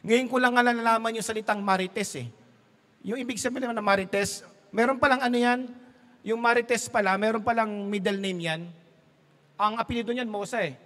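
A man's voice: very high-pitched, a little fast, fairly bright tone, long reverb tail. A man preaching a sermon as pastor, mixing Tagalog and English, telling jokes and laughing at his own stories.

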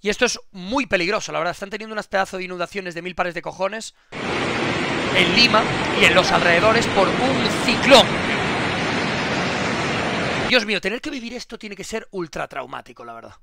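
A man giving casual live-stream commentary, swearing and repeating himself excitedly. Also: high-pitched, a little fast, gravelly.

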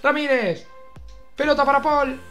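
Excitable Argentine man calling a football game. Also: extremely high pitch, measured pace, faint music behind. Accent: Argentine Spanish. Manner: swings between shouted play-by-play and muttered grumbling. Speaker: gaming youtuber. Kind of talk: mock football commentary over a video game.

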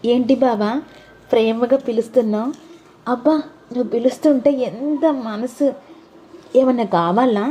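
A coy young wife who is forever teasing her husband, put on by a woman narrator. She pitches her voice high and loud, drawing the words out in a sing-song way, with a mellow soft tone underneath. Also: normal speed, pauses often, a little hiss or hum, close to an everyday voice.

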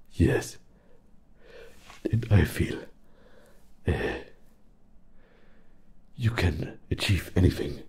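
Man playing a very deep, halting fox interrogator, whispered role-play. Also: heavily acted. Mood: sheepish, confiding. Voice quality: breathy, gravelly, soft. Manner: halting, hesitant interrogator, gentle. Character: soft, awkward male fox interrogator, hesitant and confiding.

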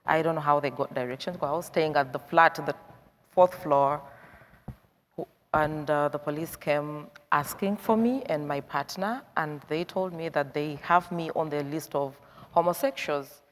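A woman's voice: low voice, moderate pace. A young woman from Uganda speaking frankly as a panelist, telling her own story. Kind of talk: personal testimony. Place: conference stage. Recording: long reverb in a hall.

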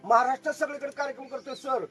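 Joking high-voiced magician man. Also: steady tone, very fast, soft background music. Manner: joking showman who keeps calling for loud applause. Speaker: magician performing for a tour group. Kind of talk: lively stage patter with crowd banter. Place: outdoors at an agro-tourism farm.

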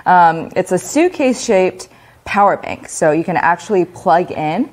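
A woman casually presenting her company's products, relaxed and laughing often between filler-heavy explanations. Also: fairly low pitch, measured pace. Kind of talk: casual product demo chat.

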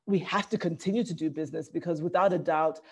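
A middle-aged woman with a Zambian accent, a small business owner on a webinar panel, talks conversationally over a video call from a small office. Her voice is low and slightly breathy, and she speaks quickly. She's using a headset.

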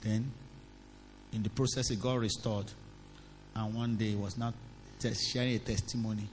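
A man preaching a sermon, telling stories and scolding in an animated way. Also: on the low side, moderate pace. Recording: reverberant hall with faint hum.

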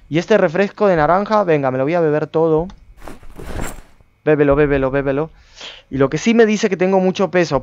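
A male streamer giving excitable gameplay commentary, talking to his viewers and to himself. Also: a little high, clear, resonant tone, no room sound, lo-fi sound.

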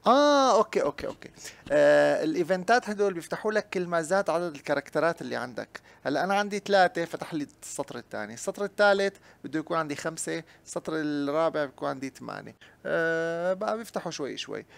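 A young man, a chatty gaming YouTuber doing let's-play commentary who talks to his viewers and gets loud and excited during play. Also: fairly high pitch, rapid-fire, creaky.

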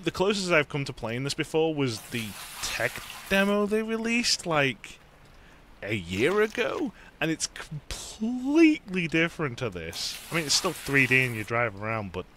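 Lively, joking gaming commentator man. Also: medium pitch, a little hiss or hum. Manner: joking, sweary and chatty. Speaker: gaming video host. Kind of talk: casual gameplay commentary.

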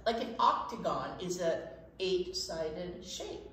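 A woman in her sixties hosts a casual children's storytime in a library children's room, talking and reading aloud expressively and emphatically repeating key words. Her fairly low, slightly bright voice has lively intonation and a slow pace. The room sounds slightly echoey, with faint noise.

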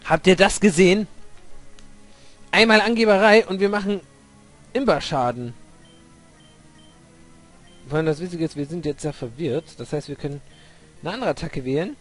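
A man playing a video game and commenting on it, excitable, swearing and shouting at the game. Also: a little high, moderate pace, pauses often, soft background music. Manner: hums along while waiting. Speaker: Let's Play host. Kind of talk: gaming commentary.

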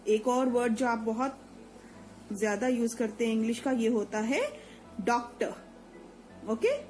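Patient high-voiced woman teaching young kids. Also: a little mellow, soft background music, low-quality recording. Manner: patient, repeats sounds slowly, checks in with "theek hai?". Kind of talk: children's Hindi alphabet lesson.

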